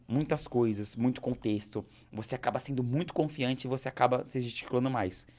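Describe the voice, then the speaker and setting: A man with a Brazilian accent rattles through a motivational talk, quick and lively. He gives business advice with animated energy and slips into short acted-out exchanges along the way. His voice sits at an ordinary male pitch. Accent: Brazilian Portuguese. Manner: energetic, gesturing, acts out quoted dialogue. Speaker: host.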